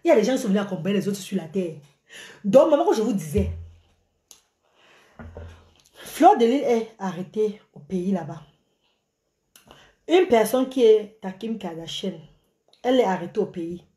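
Live-streaming from a small indoor room beside a curtain, a middle-aged woman from Cameroon vents to her followers, exclaiming and gesturing animatedly with the phone held at arm's length. Her medium-pitched voice moves at normal speed with long pauses, and the sound is roomy.

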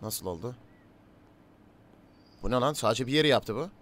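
A man giving casual let's-play commentary, chatting to game characters and his viewers, swinging from low mutters to loud calls. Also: animated, moderate pace. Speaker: gaming YouTuber.

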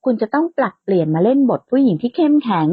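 A woman's voice: fairly high pitch, lively intonation, very fast, breathy edge, dry recording. A woman voicing a bold, playful young woman who likes to tease, in a lightly lo-fi, dry recording. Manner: playful and outspoken, bright and teasing.

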